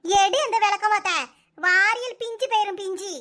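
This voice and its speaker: Scolding at a moderate pace in an extremely high, steady voice, a woman plays a proud, sarcastic mother-in-law in a comic cartoon. She nags with a Kanyakumari Tamil accent.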